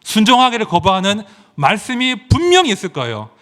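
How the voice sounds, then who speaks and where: A middle-aged man preaching a sermon as pastor, emphatic and animated, swinging from loud exclamations to quiet asides and asking rhetorical questions. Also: sits high, a little fast. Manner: asks the congregation rhetorical questions.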